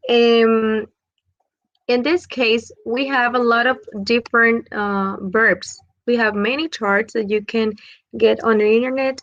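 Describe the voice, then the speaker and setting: Slow, gravelly-voiced woman teaching English. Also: a little high, no room sound. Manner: switches between Spanish and English, slow over example sentences. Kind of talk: online grammar lesson. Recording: dull lo-fi sound.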